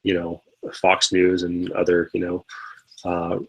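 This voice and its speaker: A male podcast co-host talks politics casually on a live show, rambling with many fillers and restarts. His low voice has vocal fry and a completely flat, slow delivery, and the recording is low quality.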